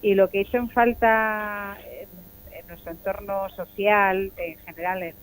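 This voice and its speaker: A woman calling in over a live phone line from a somewhat noisy place, talking haltingly and restarting as she searches for words. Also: mid-range voice, steady tone. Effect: heard over a live phone call. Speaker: caller. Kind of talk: live call-in question on a radio show. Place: somewhere with some background noise.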